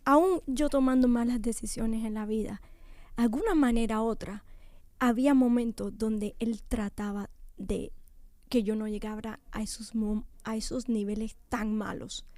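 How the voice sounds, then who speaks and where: Woman, young adult, emotional personal testimony, near-whispered intensity, higher voice, mellow dry sound. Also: fairly even intonation, a little slow, no echo. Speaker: guest giving a testimony. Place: radio studio.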